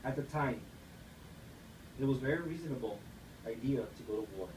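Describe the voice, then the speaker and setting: In a mid-range, darkish voice with lively intonation, a young adult man from the US briskly reads an earnest persuasive speech, as if for a class assignment. The sound is noisy, with an echoey room and a distant mic.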